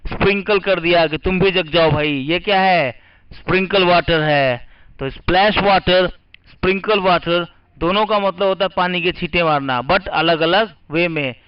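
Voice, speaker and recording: A man's voice: high voice, moderate pace, clear, resonant tone. A man teaching English vocabulary, spelling words letter by letter and asking and answering his own questions. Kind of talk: vocabulary lesson. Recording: muffled lo-fi recording.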